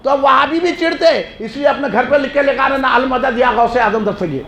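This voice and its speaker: Preacher man, real high gravelly voice, shouts his refrains in an echoey mosque hall. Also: crowd noise. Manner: chanting repeated phrases, shouting refrains. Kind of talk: fiery religious speech.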